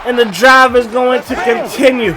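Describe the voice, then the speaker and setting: A man giving lively, joking play-by-play commentary over a football video game, often bursting into shouts. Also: very high-pitched, moderate pace, a crowd in the background. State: short of breath at times. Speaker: gaming YouTuber.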